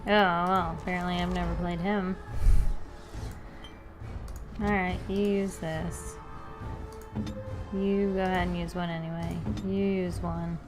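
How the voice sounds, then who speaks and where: A woman's voice: on the low side, flat delivery, unhurried, pauses often. A woman streaming a game, chatting casually and apologizing for getting distracted. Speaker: gaming streamer. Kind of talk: casual let's-play chat. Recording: game music loud behind.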